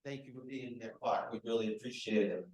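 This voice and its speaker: A deep-voiced man whose voice carries is welcoming an audience as the association's chapter president, speaking loudly and chattily at a fairly quick pace. He has no microphone, so the recording picks him up from an echoey event room at a nonprofit center.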